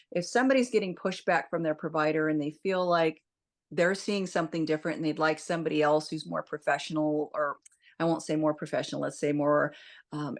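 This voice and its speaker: A woman with a slightly low voice talks as a guest expert in an interview. She is a hospice nurse who explains in plain, informative terms and addresses the listener directly.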